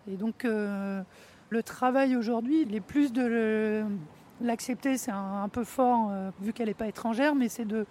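A man with a morphing, high unbroken voice, reflecting haltingly on himself and searching for his words. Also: darkish tone. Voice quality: high-pitched voice like an unbroken boy's. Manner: morphing voice, able to switch between two voices. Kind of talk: reflective personal testimony.

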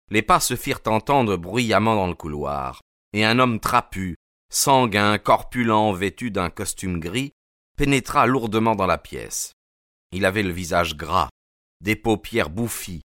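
A man narrating a classic mystery novel in a measured, even storytelling manner. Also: lowish voice, no room sound, studio quality. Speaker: audiobook narrator.

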